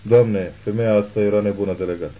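Dark-voiced male audiobook narrator. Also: fairly low pitch, fairly even intonation, low-quality recording.

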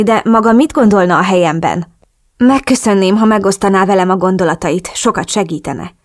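A woman narrating a novel in the first person, earnest and emotional, pleading in the heroine's dialogue. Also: mid-range voice. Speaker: audiobook narrator.

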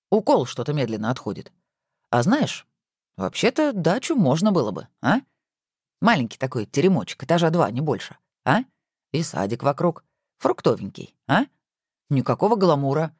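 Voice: medium pitch, a little mellow, breathy edge, dry recording, clean studio sound. A reader voicing a good-natured husband who banters playfully with his wife, in a storybook reading.

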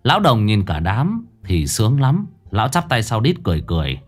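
A man narrating a comic folk story in an animated, mocking way. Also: fairly low pitch, a little fast, soft background music.

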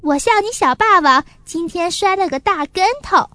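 A woman's voice: very high voice, animated, moderate pace, pushed and bright, no room sound, faint music behind, exaggerated voice. A woman voicing a cheerful, teasing tumbler toy in a children's story, speaking with chuckling amusement.

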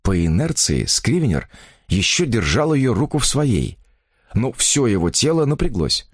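A man reading a novel aloud in a measured, expressive audiobook narration. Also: mid-range voice, slightly rough, no echo, clean studio sound.

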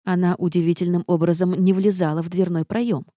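A woman reading a first-person audiobook with lively, ironic storytelling. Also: on the low side, fairly quick, no echo, studio quality. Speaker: audiobook narrator.

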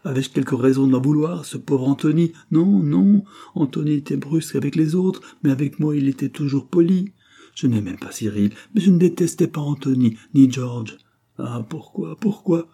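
A man gives voice to a dying woman in an audiobook, a proud, wild, distraught figure prone to vehement fits of anger. His pitch is fairly low with a dark tone and breathy edge, his pace moderate, and the mood agitated and anguished.

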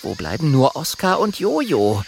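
A man's voice: mid-range voice, huge pitch swings, moderate pace, creaky, slight background noise, voice pushed up. A man voicing a friendly, clever little male fire dragon. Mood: earnest.

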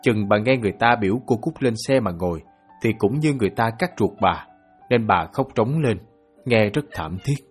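A man narrating a novel as an audiobook in a steady storytelling manner. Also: on the low side, moderate pace, soft background music.

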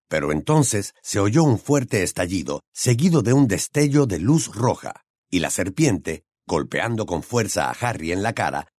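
A man reading a fantasy audiobook aloud in a dramatic, expressive storytelling manner. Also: lowish voice, no echo, studio quality. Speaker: audiobook narrator. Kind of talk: scripted narration.

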